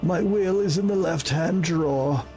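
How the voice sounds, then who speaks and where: A man's voice: on the high side, unhurried, mellow, faint music behind, pitched above the performer's own voice. A man voicing an ailing, loyal steward in a video game with a hammy, theatrical stage-actor delivery. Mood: weak, dutiful. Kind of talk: video game role-play read aloud.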